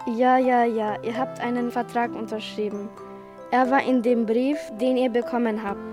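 A woman acts in a school radio play as a famous author, smug and gloating, who declaims in repeated phrases with an insistent air. Her voice is on the high side with a steady tone and normal speed, only lightly acted, and music plays beneath it.

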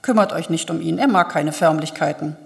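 A woman's voice: deep voice, brisk, vocal fry, pitched below the performer's own voice. A woman reading the lines of an eager young male student who earnestly explains. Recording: long hall reverb.

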